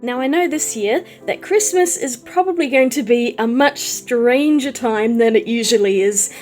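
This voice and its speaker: A woman's voice: a little high, moderate pace, darkish tone, faint music behind. A woman, chatting casually in a voice-over while she paints. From New Zealand. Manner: chatty, friendly and rambling. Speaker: watercolour artist and YouTuber.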